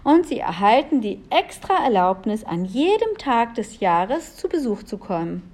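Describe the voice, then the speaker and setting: A woman's voice: on the high side, big pitch swings, normal speed, a little mellow. A woman voicing a shy young prince in a children's story, speaking earnestly.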